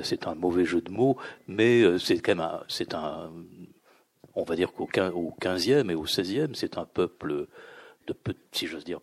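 A man with a very low, husky voice moderates a live discussion. He builds his question slowly, stopping and restarting his phrases.

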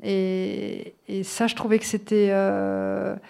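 A woman author talking about her fiction and reading a passage of it aloud in a measured, thoughtful way. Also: medium pitch, little pitch movement, vocal fry, warm tone, clear, resonant tone.

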